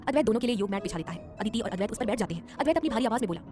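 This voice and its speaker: A woman narrating a scripted audio drama, reading the story in a rapid, even way. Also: medium pitch. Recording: narration over background music.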